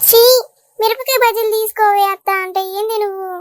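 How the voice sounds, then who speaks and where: A woman voicing a shy young village bride in a cartoon, replying bashfully and slowly. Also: very high-pitched, steady tone, no echo, studio quality.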